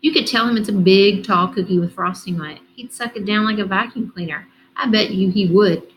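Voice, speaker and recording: A woman reading the part of an excitable, goofy schoolboy who rambles insistently. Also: medium pitch, fairly quick, a little hiss or hum, lightly acted, rough recording.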